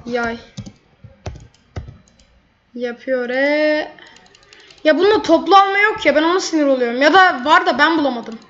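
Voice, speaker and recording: Woman gamer, high voice, running play-by-play commentary, quick to vent; dull lo-fi recording. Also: expressive, fairly bright tone. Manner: chatty, blurts out frustration at opponents. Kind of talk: live gameplay commentary. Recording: dull lo-fi mic.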